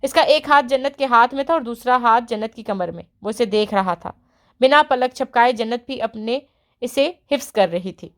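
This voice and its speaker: Lady reading a novel out loud for an audiobook, expressive, a bit high-pitched. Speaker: audiobook narrator. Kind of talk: scripted novel narration.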